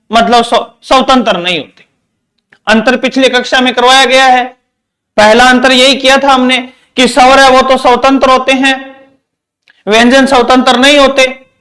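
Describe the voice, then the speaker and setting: Guy teaching grammar, really high voice, keeps asking and answering his own questions. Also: a bit bright. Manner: repetitive question-and-answer drilling. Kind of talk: exam-prep lecture.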